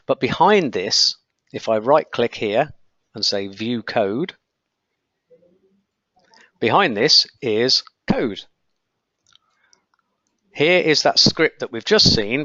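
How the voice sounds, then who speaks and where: A croaky-voiced man in the mid range teaches a live webinar on software testing, clicking through screens as he explains and saying "okay" and "um" often. The recording is muffled but has no echo.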